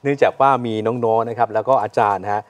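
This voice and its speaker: A man hosting a studio talk show, chatty and teasing with a student audience. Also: on the low side. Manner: jokey, chatty, quick. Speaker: TV host.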